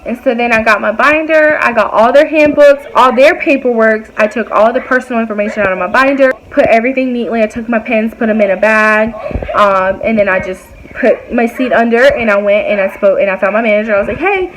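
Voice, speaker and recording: A woman's voice: a little high, a little fast, crowd noise, poor audio. A young woman vlogger telling a personal story in a casual, rambling way, full of fillers and acted quotes.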